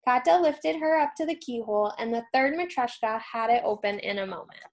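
A childcare staff member, a woman, reading a storybook aloud in an expressive storytelling manner. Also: on the high side, a little fast.

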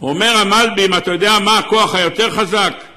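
A man's voice: sits high, bright, forceful tone. A man, a rabbi, giving an impassioned sermon, sometimes crying out. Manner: impassioned preaching, crying out in places.

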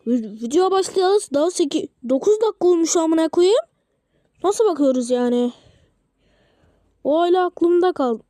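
Squeaky high woman ranting over clips, cusses a lot, all over the place. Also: normal speed, long pauses, dry recording, clean studio sound. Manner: excitable, rambling, swears freely. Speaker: video reactor. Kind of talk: casual reaction commentary.

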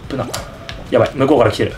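A man hosting excited game commentary, yelling at his teammates and the game. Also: mid-range voice, racing, soft background music. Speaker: gaming channel host.

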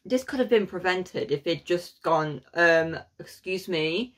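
A woman's voice: fairly low pitch, lively intonation, unhurried, soft background music. A young woman gives casual reaction commentary from a small room, exclaiming and talking back to what she watches. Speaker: reaction video host. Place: small indoor room at a desk.

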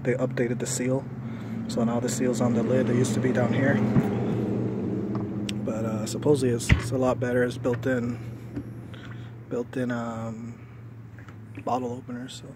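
Showing his homemade camping trailer on a residential lawn, a middle-aged man talks in a loose, rambling way with many fillers, filmed on a handheld phone. His mid-range delivery is flat and moderately paced, with frequent pauses and background noise.

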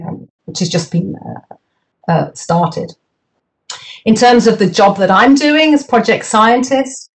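A woman project scientist finishing an online presentation, speaking in a measured way with some fillers. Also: medium pitch, rough recording. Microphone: video call.

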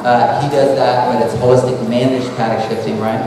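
A man in his thirties with a medium-pitched voice talks a little fast and flat through a casual, rambling conference talk, full of "like" and restarts, on a handheld mic. He's recorded from far off in a large expo hall, which echoes, with background noise present.

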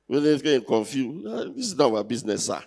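Very animated and fairly quick, his voice is mid-range and darkish, with vocal fry. The man, in his thirties and Nigerian-accented, teases the crowd with rhetorical questions during conversational stand-up, using a handheld mic on a large indoor theatre stage.

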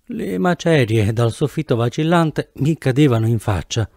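A man reading a novel aloud in the first person with an animated, theatrical delivery, close to the mic. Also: medium pitch, normal speed, gravelly, dry recording. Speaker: audiobook narrator. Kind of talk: expressive audiobook narration.

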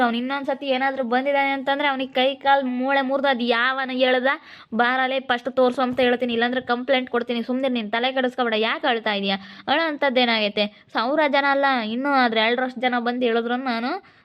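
Woman doing a protective husband, firm and soothing, fairly high voice, dull lo-fi audio. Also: little pitch movement, fairly quick, close to an everyday voice. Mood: firm reassuring. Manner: firm, reassuring, threatening toward rivals. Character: protective husband comforting his wife. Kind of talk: village family drama acting. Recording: dull lo-fi recording.

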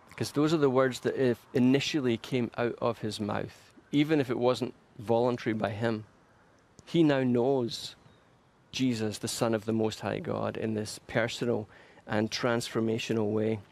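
A man's voice: medium pitch, steady tone, normal speed, gravelly, a little mellow. A male pastor preaching a sermon, earnest and emphatic, building momentum through repeated phrases. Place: church.

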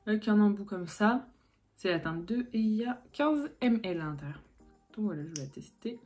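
A woman's voice: medium pitch, expressive, moderate pace, darkish tone. A young woman from France chatting casually through a makeup tutorial as a beauty vlogger, full of fillers and restarts. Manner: chatty, filler-heavy, self-correcting. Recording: faint background music.

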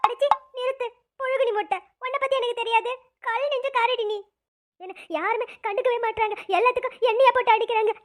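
A self-pitying young woman in a cartoon complains that nobody cares about her, voiced by a woman. Her voice is very high and whiny. Every line comes out dramatic. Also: steady tone, fast talker, slight background noise.

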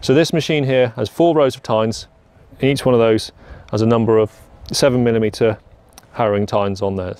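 A man's voice: mid-range voice, moderate pace, a little mellow, clear, resonant tone, dry recording. Young man presenting a farm machine. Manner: plain, practical, repeats "very, very". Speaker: product presenter. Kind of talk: product walkaround demo. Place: garden lawn outdoors.

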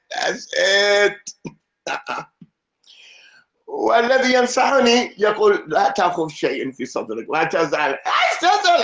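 A man's voice: high-pitched, pushed and bright. A man teaching a lesson in a mosque as imam, playful and joking, switching between Arabic and English. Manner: playful, mixing Arabic and English, laughing asides. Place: mosque hall. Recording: echoey mosque hall, dull sound.

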